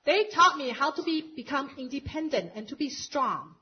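Woman interpreting live at church, high voice, quick self-corrections, muffled lo-fi recording. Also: very animated, a little hiss or hum. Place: church meeting.

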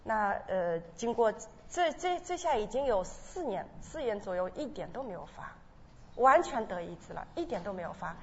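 A woman's voice: medium pitch, very animated. An earnest woman shares her personal testimony before a congregation, often stumbling and restarting. Her voice carries a long hall echo, a dull, muffled tone and a faint hum of ambience behind it. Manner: earnest, emotional, with halting restarts. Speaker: church member giving testimony. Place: church hall.

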